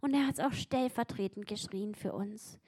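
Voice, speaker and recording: A woman's voice: mid-range voice, normal speed, warm tone, breathy edge. A woman preaching a sermon with emphatic delivery, acting out quotes with mounting intensity. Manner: emphatic, acts out biblical quotes with rising intensity.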